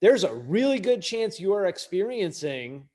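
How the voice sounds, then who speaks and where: A middle-aged man talks shop in a casual podcast chat, his voice sitting a little higher than most men's. He explains bluntly and with emphasis, leaning hard on key words and swearing without a second thought. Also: big pitch swings, normal speed, dark tone. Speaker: podcast co-host, mechanic.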